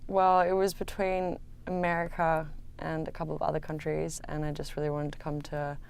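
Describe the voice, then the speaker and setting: A woman's voice: low voice, completely flat delivery, moderate pace, creaky, darkish tone, slight background noise. A young Australian woman, a student giving casual answers in an interview. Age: young adult. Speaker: international art history student being interviewed.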